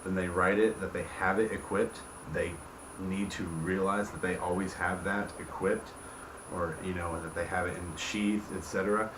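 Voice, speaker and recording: Explaining the rules as the game's creator and host, a man with a voice that sits low talks casually at an ordinary pace and fairly even pitch. Little tag questions like "okay," "right," and "you see what I'm saying" pepper his speech, and the room echoes amid clear background noise.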